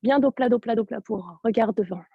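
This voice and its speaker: Soft-spoken husky woman guiding yoga. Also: fairly high pitch, fast talker, dry recording, phone-quality sound. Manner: soft-spoken, calm step-by-step cues. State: sore throat. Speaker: yoga teacher. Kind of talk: guided yoga class instruction. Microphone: video call.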